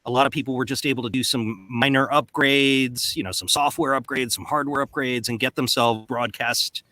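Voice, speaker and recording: Speaking on a panel as a voice actor, this man is animated and expressive, chatting casually over a video call from his home recording booth. A close studio mic gives his medium-pitched, normal-speed voice a clean sound with no room noise.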